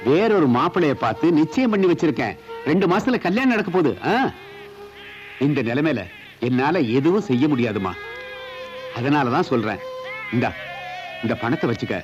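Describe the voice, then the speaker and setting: An actor dubbing a film role as a rich father who calmly sends a baby away. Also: mid-range voice, natural voice. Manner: calm, firm and dismissive. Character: rich, cold older father. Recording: dull film audio.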